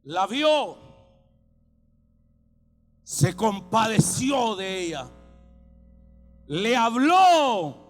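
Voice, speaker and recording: A male pastor preaching with a very high voice, at a slow, drawn-out pace. He swings between fervent shouts and quiet, intimate lines. A long reverb from a large church hall carries his voice over faint music. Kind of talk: sermon.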